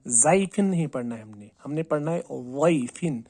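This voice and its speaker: A man teaching Quran recitation. He asks and answers his own questions and repeats words slowly, drawing out each sound to show how to say it. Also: fairly high pitch, lively intonation, darkish tone, no room sound. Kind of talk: tajweed lesson on letter pronunciation.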